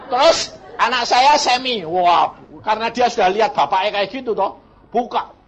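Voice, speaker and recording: An older man of about eighty from Central Java, preaching an anecdotal sermon as an evangelist in a lively, chuckling way. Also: high voice, moderate pace, a crowd in the background. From Central Java, Indonesia. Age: around 80. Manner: animated, chuckling anecdotal delivery, addresses listeners as brothers. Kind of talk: storytelling sermon.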